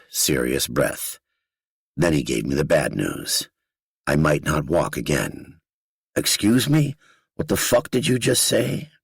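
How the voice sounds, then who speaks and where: A man's voice: very deep voice, vocal fry, breathy edge, no echo, studio quality. A man narrating a first-person true crime audiobook in a blunt, gritty, profane storytelling manner.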